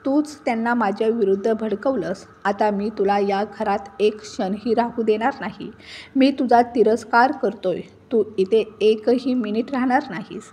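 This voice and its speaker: Woman reading as cruel young husband, shouting, contemptuous, storybook, slightly high voice. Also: moderate pace, breathy edge. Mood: furious.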